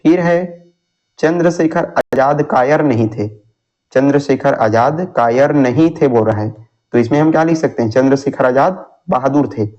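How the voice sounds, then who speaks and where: Guy teaching a class, asks then answers himself, repeats stuff slow, kinda muffled lo-fi audio. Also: mid-range voice, a little mellow. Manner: repeats answers slowly for dictation. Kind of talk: classroom explanation, question and answer. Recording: dull lo-fi sound.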